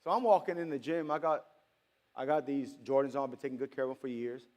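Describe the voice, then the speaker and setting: A man preaching a sermon in a casual, storytelling way, acting out conversations with sudden high-pitched exclamations. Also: fairly even intonation, quick pace, a little mellow.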